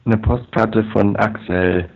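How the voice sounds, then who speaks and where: Brief: male co-host, voice turned into a slow, rusty robotic rasp by a bad connection, muffled call sound. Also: fairly low pitch, fairly even intonation. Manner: playful, slow mock announcements. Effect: robotic, rasping distorted voice from a glitchy connection. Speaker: podcast co-host. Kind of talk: casual chat. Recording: dull lo-fi internet call audio.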